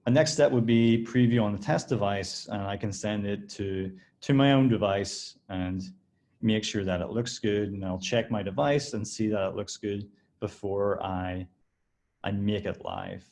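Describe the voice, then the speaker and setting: Man, design director, casual screen-share demo voice, lowish pitch, easygoing and explanatory. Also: measured pace, gravelly. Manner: relaxed, explanatory, with frequent restarts and fillers. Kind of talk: screen-share software walkthrough.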